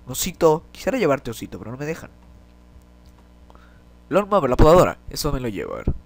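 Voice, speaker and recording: Un hombre resfriado y congestionado, con acento mexicano, comenta una partida de videojuego; maldice y grita cuando se asusta. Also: male voice, mid-range voice, big pitch swings, fast talker, no echo. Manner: jittery, swears, yelps when startled. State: has a cold, congested. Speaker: gameplay commentator. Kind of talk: let's play commentary. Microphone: desk microphone.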